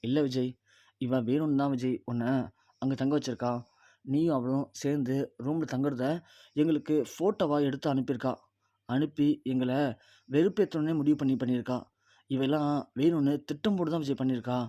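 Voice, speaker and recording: A man voicing a scheming woman who keeps accusing her younger brother's wife, read in his own mellow voice. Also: mid-range voice, fairly even intonation, brisk, dry recording, clean studio sound, close to an everyday voice. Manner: insistent, accusing.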